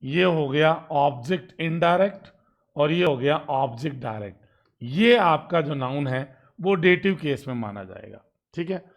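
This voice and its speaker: A male teacher walking through an exam paper in a lecture. He reads the English sentences out slowly and keeps checking whether the students follow. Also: on the high side, animated, creaky. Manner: explains step by step in Hindi, reading English sentences out slowly; asks "ठीक है?" to check understanding.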